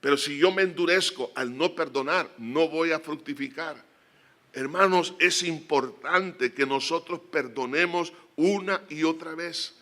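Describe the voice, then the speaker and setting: Bright-voiced male pastor preaching a sermon. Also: on the high side, a little slow. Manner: preaching with rising emphatic peaks and quiet earnest prayers.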